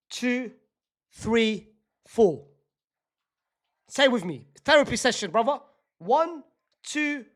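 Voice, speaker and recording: A man hosting a football reaction vlog, talking casually in a playful, teasing, mock-solemn way, repeating himself and stumbling over restarts when excited. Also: extremely high pitch. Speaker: football reaction channel host.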